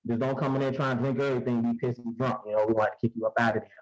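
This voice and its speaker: A man's voice: mid-range voice, fairly even intonation, rapid-fire. A man who is a comedian and coach, chatting in a laid-back, joking way over a muffled, underwater-sounding phone mic. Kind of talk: casual podcast chat over a call. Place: newly moved-into room at home.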